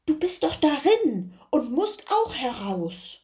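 A woman's voice: sits high, big pitch swings, slow, dark tone, pitched above the performer's own voice, full character voice. A woman voicing a simple peasant man who pretends to be a doctor, speaking in an eager, folksy way. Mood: pompous.

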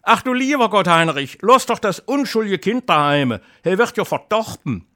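A man's voice: high-pitched, big pitch swings, normal speed, bright, forceful tone, pitched above the performer's own voice, exaggerated voice. A man voicing an anxious old wife in Kassel dialect, pleading with her husband. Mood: fretting.

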